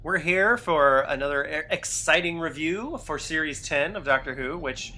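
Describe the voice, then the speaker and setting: A man's voice: on the high side, moderate pace, bright, forceful tone. A man co-hosting a casual fan podcast, upbeat and laughing often. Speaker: podcast co-host.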